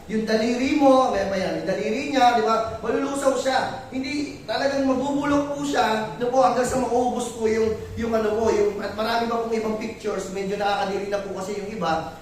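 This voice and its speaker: A man's voice: high-pitched, very echoey, far from the mic, slight background noise, rough recording. A man preaching a sermon, who keeps asking his congregation rhetorical questions in a polite way. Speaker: pastor. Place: church.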